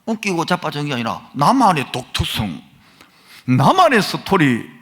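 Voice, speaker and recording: A man's voice: fairly high pitch, moderate pace. A male pastor with a Gyeongsang accent, preaching a sermon and often putting questions to the congregation. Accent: Gyeongsang Korean. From Gyeongsang province, Korea. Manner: animated preaching, asks the crowd questions. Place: church sanctuary. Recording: long reverb of a church hall.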